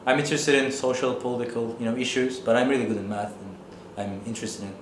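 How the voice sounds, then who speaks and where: A man's voice: medium pitch, fairly even intonation, quick pace, noisy background. Turkish-accented man, reflective, roomy echo. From Turkey. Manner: thoughtful, many "uh" and "I mean" fillers. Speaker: economics professor. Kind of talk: interview answers.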